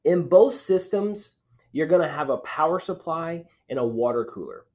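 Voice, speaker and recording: Male presenter, thirties, animated pitch, webcam talk on slides. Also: moderate pace. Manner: lively explanatory delivery, trailing off at line ends. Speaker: presenter for an equipment company. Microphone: webcam video call.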